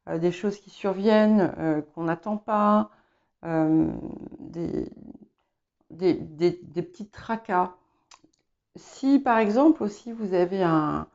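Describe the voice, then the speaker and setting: A woman giving a spoken tarot reading, hesitant and filling pauses as she talks. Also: lowish voice, a little mellow, lo-fi sound. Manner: hesitant, many fillers and restarts. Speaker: tarot reader. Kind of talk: casual spoken tarot guidance.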